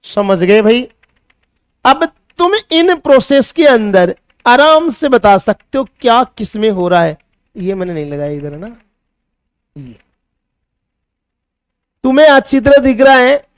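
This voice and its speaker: A man's voice: extremely high pitch, big pitch swings, measured pace, long pauses, smooth, no room sound. A male chemistry teacher with a Hindi accent, giving a classroom lecture that mixes English science terms into Hindi and asks his students questions before answering them himself.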